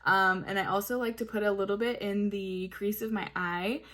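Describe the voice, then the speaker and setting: A woman's voice: mid-range voice, steady tone, normal speed, a bit bright. A woman reviewing makeup in a casual, chatty way, gushing over each product with plenty of fillers. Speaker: beauty vlogger. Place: home, hot weather.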